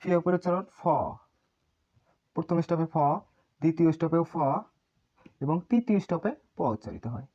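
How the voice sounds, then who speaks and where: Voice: medium pitch, moderate pace, pauses often, dark tone, highs cut off. A teacher gives an online language lesson, patiently repeating each sound many times as a drill.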